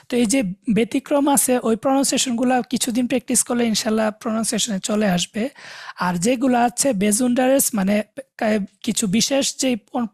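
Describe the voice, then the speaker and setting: একজন মহিলা জার্মান ভাষার শিক্ষিকা, অনলাইন ডেমো ক্লাসে ধীরে ধীরে একটা একটা করে বর্ণ উচ্চারণ করে বোঝাচ্ছেন।. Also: female voice, a little high, a little mellow, breathy edge, dry recording, studio quality. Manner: slow, spelling out letters one by one. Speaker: German language teacher. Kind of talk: online demo class.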